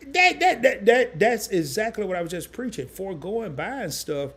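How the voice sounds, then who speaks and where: A man hosting a casual live stream, animated and chatty, reading viewer comments aloud in loose slang. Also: high voice, normal speed, slightly rough. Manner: animated, chatty, repeats himself.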